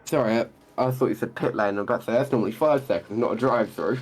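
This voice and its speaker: A man's voice: medium pitch, fast, darkish tone. A man co-commentating a sim racing league over online voice chat, adding short, chatty remarks on tyres and strategy.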